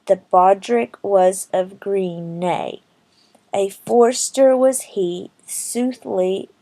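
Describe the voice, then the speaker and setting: Very slow, creaky-voiced woman reciting verse. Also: mid-range voice, mellow. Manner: halting, careful word-by-word delivery with stumbles. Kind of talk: slow recitation of Middle English poetry.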